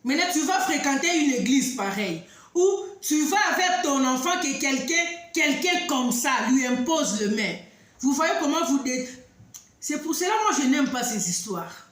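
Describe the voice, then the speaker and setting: A high-pitched woman speaks in a strongly echoing room. She tells a story in an animated, emphatic way, sometimes loud and sometimes dropping to low asides. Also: normal speed. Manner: emphatic, warning, swings between loud outbursts and low asides. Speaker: online talk host addressing women. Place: living abroad in southern Africa. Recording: very echoey room.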